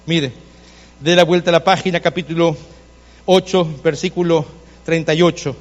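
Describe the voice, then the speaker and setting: High-voiced man preaching in a church. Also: fairly even intonation, normal speed, in a large hall, muffled recording. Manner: conversational storytelling, direct address to the congregation; insistent, emphatic repetition. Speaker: pastor. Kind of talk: sermon.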